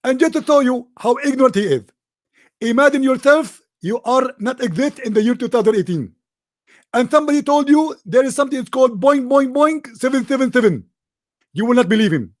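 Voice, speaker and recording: A man's voice: extremely high pitch, expressive, brisk, dry recording, studio quality. A man arguing insistently in a debate clip, speaking English with broken grammar. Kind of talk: emphatic debate argument.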